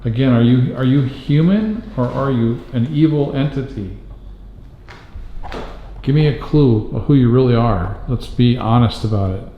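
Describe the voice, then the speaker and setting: A man's voice: mid-range voice, moderate pace, a little hiss or hum. A man investigating the paranormal, firmly questioning a spirit aloud inside an abandoned hospital. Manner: firm, probing questions. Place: abandoned hospital floor, indoors. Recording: roomy, dull-sounding hall recording.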